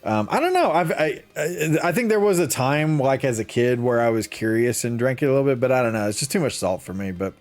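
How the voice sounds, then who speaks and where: A man's voice: mid-range voice, expressive, brisk, few pauses, a little mellow. Chatty man hosting a casual podcast. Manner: laughs often, rambling with fillers. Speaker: podcast host. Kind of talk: casual chat reading chat comments.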